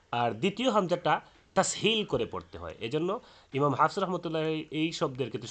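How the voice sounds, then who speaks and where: A man teaching Quran recitation rules in a spoken lesson. He explains slowly, with frequent hesitant fillers, and chants the example words aloud. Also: a little high, a bit bright.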